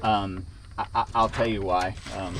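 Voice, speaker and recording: A man's voice: low-pitched, steady tone, unhurried, heavy background noise. A man hosting a vlog, casually explaining his work as he goes and out of breath from the labor. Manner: rambling, explains as he works. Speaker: animal keeper and vlog host. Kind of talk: casual vlog narration while working. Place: outdoors by animal enclosures.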